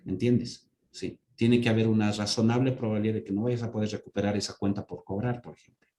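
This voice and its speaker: A man teaches accounting to a class, walking through everyday examples. He keeps checking that his students follow along. His voice is mellow and sits in a roomy, echoing space. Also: fairly low pitch, little pitch movement, fast, slight background noise. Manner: asks students for confirmation with repeated "¿sí?". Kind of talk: online class lecture.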